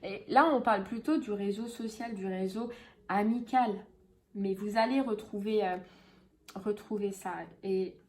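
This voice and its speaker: A woman's voice: mid-range voice, measured pace, darkish tone. A woman giving a casual tarot reading, chatty and full of fillers and repeated phrases. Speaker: tarot reader.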